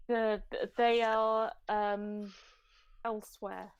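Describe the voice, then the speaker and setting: A woman chatting as a player in a tabletop game, tentative and halting as she searches for words. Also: medium pitch, little pitch movement, smooth, no echo. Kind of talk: casual game chat.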